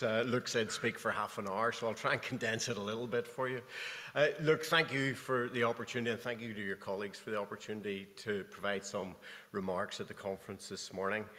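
A man's voice: medium pitch, fairly even intonation, fast, sharp tone. A middle-aged man giving a prepared, earnest keynote speech at a lectern. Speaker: keynote speaker, commissioner. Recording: long hall reverb.

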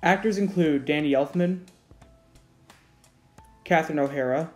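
A man's voice: fairly high pitch, unhurried. A man reading scripted film-review narration as the narrator of a movie segment. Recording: faint music under narration. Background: faint music.

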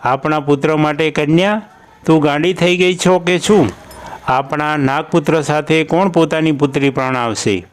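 A man's voice: mid-range voice, flat delivery, a little slow, clear, resonant tone, natural voice. A man voicing a worried middle-aged priest father in a storybook tale, speaking earnestly and at times in exasperation. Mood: exasperated.

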